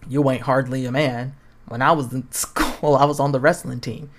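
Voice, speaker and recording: A man reading a scornful, gruff older dad. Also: mid-range voice, fairly even intonation, normal speed, close to an everyday voice. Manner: read aloud from a text game.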